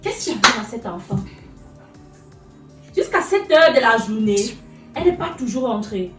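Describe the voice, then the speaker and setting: A woman's voice: on the high side, big pitch swings, moderate pace, a bit bright, far from the mic, faint music behind. A worried questioning woman, off-mic. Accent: Cameroonian French. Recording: echoey room, voice off-mic.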